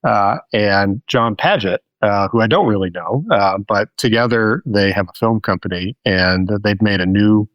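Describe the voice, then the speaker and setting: A man's voice: on the low side, measured pace, few pauses, no room sound, highs cut off. A man hosting a podcast interview, chatty and friendly, with frequent uh fillers. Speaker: podcast host.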